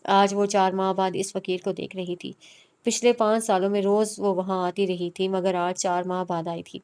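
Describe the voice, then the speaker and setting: A woman narrating a romance novel aloud in a steady, plain storytelling manner. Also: medium pitch, clean tone. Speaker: audiobook narrator.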